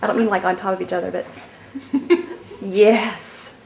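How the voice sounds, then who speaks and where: A woman interviewing, chatty and enthusiastic, with quick asides. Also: mid-range voice, fairly even intonation, creaky, darkish tone. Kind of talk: casual interview. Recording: echoey room with faint noise.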